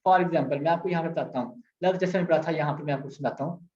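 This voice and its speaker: A man's voice: fairly high pitch, fast talker, darkish tone. A man with a Pakistani Urdu accent teaching a language lesson, patiently repeating sounds and mixing in English. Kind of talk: explaining grammar with screen examples. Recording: echoey, slightly dull sound.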